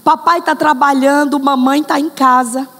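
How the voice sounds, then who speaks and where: A woman's voice: high voice, steady tone, normal speed, fairly bright tone, big-room sound. A woman preaching a sermon, speaking straight to the congregation and acting out examples. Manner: addresses the congregation directly, acts out examples.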